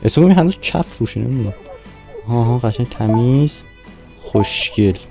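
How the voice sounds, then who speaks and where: A man's voice: mid-range voice, expressive, vocal fry, dark tone, faint music behind, poor audio. A young man giving casual, playful commentary while playing a car-washing game, talking to himself as he goes. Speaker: gaming YouTuber.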